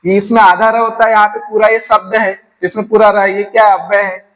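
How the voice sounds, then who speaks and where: A man's voice: high voice, flat delivery, brisk, fairly bright tone, low-quality recording. A man from teaching an exam-prep grammar lesson, explaining step by step and asking his class rhetorical questions.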